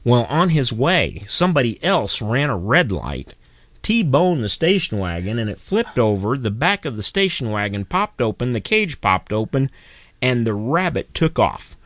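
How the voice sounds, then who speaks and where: A man casually telling a folksy joke and chatting about quotes, with lively voices for his characters. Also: medium pitch, moderate pace, no echo. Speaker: co-host. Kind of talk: casual storytelling chat.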